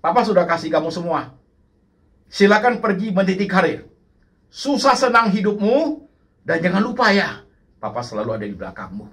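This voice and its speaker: A man voicing a father talking to his child during a sermon, loud and high. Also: big pitch swings, moderate pace, pauses often, heavily acted. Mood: warm.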